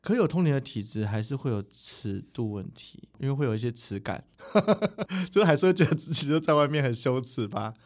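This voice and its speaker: Fast-talking man, animated storyteller. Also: mid-range voice. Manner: animated, quick, mimics people mid-story. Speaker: guest, spiritual teacher. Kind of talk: casual interview storytelling. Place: podcast recording studio.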